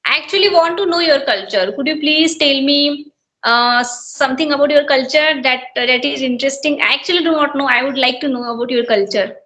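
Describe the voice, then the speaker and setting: On a video call from a small village home in Maharashtra, India, a woman hosts casual English conversation practice as a learner whose first language is Marathi. Her bright, high voice runs a little fast, polite and encouraging with many fillers, over poor audio.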